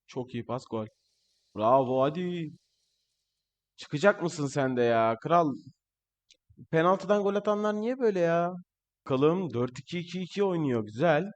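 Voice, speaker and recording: A young man commentating his own football video game match, excitable and shouting at the players on screen, his voice a bit strained. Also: a little high, normal speed, long pauses, muffled recording. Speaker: gaming channel host. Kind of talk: live gameplay commentary.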